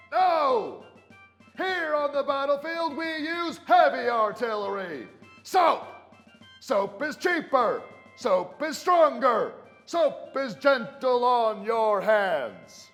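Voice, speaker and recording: An actor playing a strict male army drill sergeant who shouts commands at recruits. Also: very high-pitched, animated, exaggerated voice. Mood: commanding. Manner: shouted military commands, drawn-out emphatic delivery. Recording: long reverb with music underneath.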